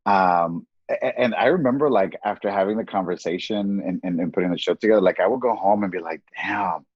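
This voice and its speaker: A man around thirty with a husky, somewhat low voice chats in a campy, loose podcast style, full of "like." The recording is dry and dull, with a dead, lo-fi sound. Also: a little fast, no echo. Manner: campy, chatty, heavy use of "like". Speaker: podcast co-speaker. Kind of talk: casual podcast chat.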